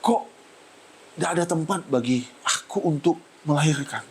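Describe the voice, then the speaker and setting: A man's voice: a little high, normal speed, poor audio. Male pastor, church sermon, tearful and emotional, voice rises when moved, faint noise behind. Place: church service.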